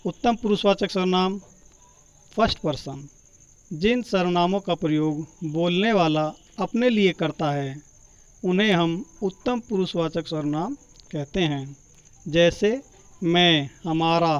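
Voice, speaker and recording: A man teaching a grammar lesson, slow and deliberate, drawing out each example word. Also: on the high side, clean tone. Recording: dull, muffled lo-fi sound.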